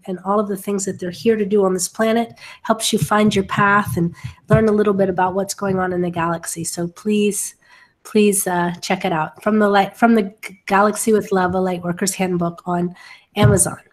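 A middle-aged woman hosting a casual webinar over a video call, sounding a little short of breath from bronchitis. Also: medium pitch. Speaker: webinar host. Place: home office, indoors, on a video call.

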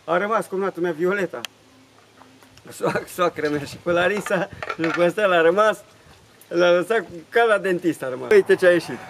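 A man's voice: sits high, background noise. A man telling a rambling story in casual chat, swearing freely, repeating himself and restarting his sentences. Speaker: interviewee.

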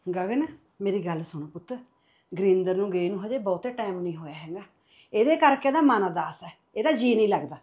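A woman's voice: mid-range voice, expressive, fairly quick, natural voice. Woman acting as kindly older mother, soothing, reassuring, dull lo-fi sound. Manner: gentle, reassuring, calls others son. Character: kindly mother, soothing her son's wife. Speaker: mother-in-law.

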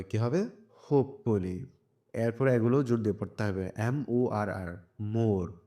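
A man with a Bangladeshi accent teaching a primary English lesson, reading English lines slowly and then explaining each one. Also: mid-range voice, mellow.

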